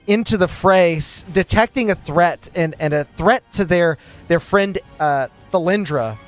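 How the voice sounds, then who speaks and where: A man narrating a live-streamed tabletop game as game master, chatty and quick to laugh, with lots of fillers. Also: high-pitched.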